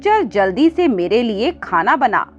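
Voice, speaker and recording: A woman's voice: on the high side, sing-song, unhurried. A woman voicing a greedy, harsh old mother-in-law who scolds and orders her daughter-in-law about, over faint music on a dull recording. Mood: scolding. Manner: scolding, bossy.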